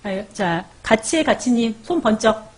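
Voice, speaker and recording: A woman's voice: a little high, expressive, a little slow, breathy edge. A woman hosting a live parenting stream, chatting casually as she reads viewer comments, calls out their names and gives baby sleep tips.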